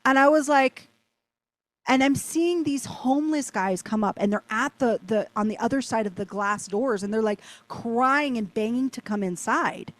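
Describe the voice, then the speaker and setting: Higher-voiced woman telling a story. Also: moderate pace, dry recording. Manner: animated, rambling, heavy use of "like". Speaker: interview guest. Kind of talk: casual storytelling.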